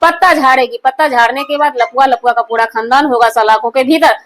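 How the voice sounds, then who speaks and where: An Indian woman hosting online commentary offers opinionated takes on the news, emphatic, repetitive and accusatory. Her voice is high-pitched and fairly bright, and she talks a little fast.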